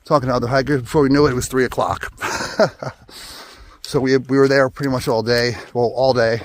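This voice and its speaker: A man's voice: mid-range voice, steady tone, fairly quick. A man on a thru-hike, out of breath as he climbs a trail and talks to his camera in a casual vlog. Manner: climbing uphill while talking. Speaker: thru-hiker vlogger. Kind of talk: casual vlog narration while hiking. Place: outdoors on a mountain trail.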